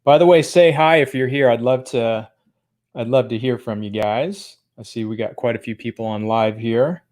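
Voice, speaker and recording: A man's voice: medium pitch, moderate pace, a little mellow. A man hosting a live-streamed business training from a home office, upbeat and rambling, with many fillers.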